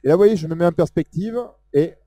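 Dark-voiced man with a Southern French accent. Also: fairly high pitch, fast, no room sound. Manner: casual, hesitant, many fillers, pointing things out. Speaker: software presenter. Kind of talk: live technical demo talk.

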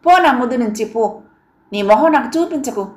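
A woman's voice: a little high, lively intonation, normal speed, pitched above the performer's own voice, natural voice. A lady reading as an angry dumped young guy, scornful, roomy echo. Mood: angry, bitter. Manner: bitter, scornful pleading. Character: jilted young man, bitter and angry. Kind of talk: audiobook character reading.

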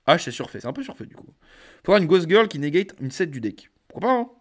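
A man's voice: fairly high pitch, very animated, fast. Young man, casual card reviewer; reads the text, then slangy offhand reactions. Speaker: card game content creator.

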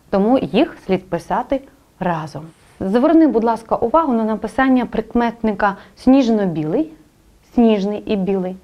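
A woman teaching a spelling lesson, explaining rules clearly and speaking directly to the student. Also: fairly high pitch, dark tone, highs cut off.

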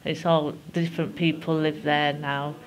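A woman's voice: deep voice, level tone, moderate pace, low-quality recording. A woman in her sixties with a Manchester accent, fondly talking about village life in an interview. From England. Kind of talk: casual interview.

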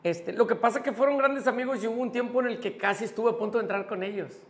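A man's voice: very high voice, quick pace, echoey room. A man from Monterrey, a grupera singer telling a funny story in a casual interview, acting out voices and swearing freely. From Monterrey, Mexico. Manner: animated anecdote-telling, acts out voices, swears often.

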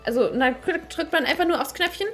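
A young woman streamer talks fast in a high-pitched voice, chatting casually into her desk microphone during an excited livestream unboxing. She sounds overwhelmed and giddy, often laughing and squealing.

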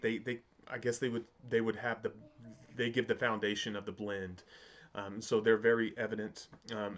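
A man in his thirties talking casually to camera as a reviewer, halting and repeating words as he thinks aloud. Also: mid-range voice, dull audio. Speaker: pipe tobacco reviewer. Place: indoors, home study with bookshelves.

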